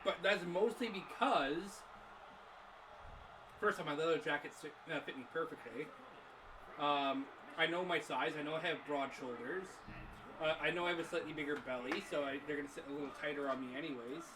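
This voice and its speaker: Chatting casually over a wrestling video game, this gaming channel co-host rambles self-assuredly and uses lots of filler words. His voice is fairly high and brisk. The arena crowd from the game sits underneath.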